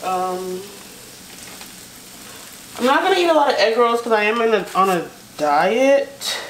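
An American home cook vlogger chats casually while cooking in her home kitchen, thinking aloud without a script. Her voice is on the high side and expressive, a little slow. The kitchen echoes, with a noisy stove sizzle, clicks, and stirring in the background.

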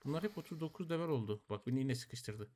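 A young man giving casual commentary while playing a survival game, talking to his tamed creatures and breaking into high, excited yelps. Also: fast talker. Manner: excitable, talks to the animals, bursts into high yelps. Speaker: gameplay commentator. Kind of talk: live gameplay commentary.

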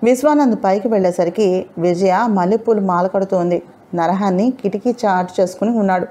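A woman narrating a novel in a steady, even storytelling manner. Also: medium pitch, fairly quick.

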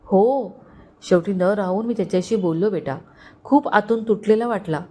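A woman's voice: mid-range voice, moderate pace, mellow, lightly acted. A woman voicing a kindly older male family servant who speaks tenderly and pleads with a fatherly tone. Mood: gentle.

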